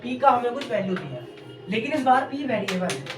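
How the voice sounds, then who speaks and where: A woman's voice: a little high, lively intonation, brisk. Lady teaching chem, keeps asking then answering herself, roomy echo, music in the background. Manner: asks questions and answers them herself; repeats key terms drill-style. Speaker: chemistry teacher. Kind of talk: exam-prep lecture. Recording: echoey room, distant mic, background music.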